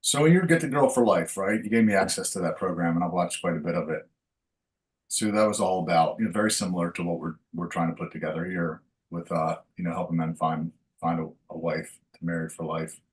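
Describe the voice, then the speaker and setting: A man's voice: low-pitched, a little fast, distant mic, poor audio. A man hosting a podcast, asking laid-back, rambling questions full of fillers. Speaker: podcast host and dating coach. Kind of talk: casual interview chat.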